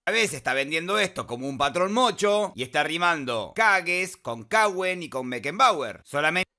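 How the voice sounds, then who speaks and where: A man's voice: a little high, expressive, moderate pace, sharp tone. A man narrating a scripted commentary on rhymes in a dry, mildly mocking way. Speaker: video essay narrator.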